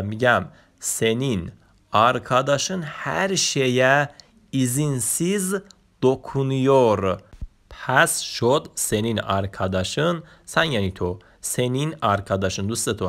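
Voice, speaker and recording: A man with a Persian accent, his voice sitting fairly low, teaches a vocabulary lesson. He draws each example word out slowly and with care, then hurries through the explanations around it. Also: creaky, a bit bright. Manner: slow, drawn-out repetition of example words, quick explanations in between. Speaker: Turkish language teacher.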